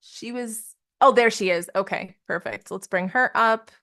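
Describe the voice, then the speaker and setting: A woman's voice: on the high side, unhurried, fairly bright tone. A woman leading a live coaching session, upbeat and encouraging, laughing often as she talks with participants over a video call. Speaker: business coach.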